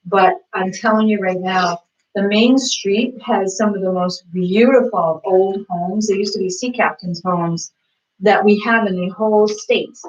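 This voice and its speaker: A woman co-hosts a morning workout, chatting casually and rambling with plenty of fillers. Her medium-pitched voice is recorded from a distance, so it sounds roomy, off-mic and dull.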